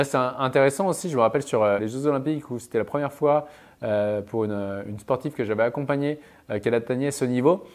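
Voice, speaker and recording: Speaking emphatically in a mid-range, darkish male voice, this mental performance coach shares advice and anecdotes. Short, punchy sound-effect interjections mark off each of his points.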